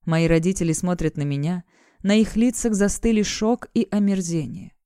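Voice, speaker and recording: A woman's voice: lowish voice, normal speed, clean tone, no room sound, studio quality. A woman reading a romance novel aloud in the first person as an audiobook narrator. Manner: acts out the shouting parents and lovers in her own voice.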